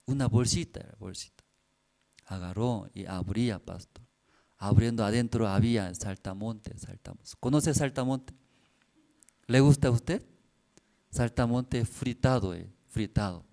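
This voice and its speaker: A man's voice: lowish voice, a little slow, gravelly, pauses often, mellow. A man preaching a sermon as pastor, telling a story in simple phrases and checking in with the listeners through constant tag questions.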